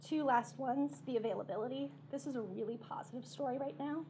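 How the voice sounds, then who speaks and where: Woman, higher voice, hoarse from losing her voice, measured policy commentary, noisy room. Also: warm tone. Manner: measured, clears her throat now and then. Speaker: policy panel discussant. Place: seminar room.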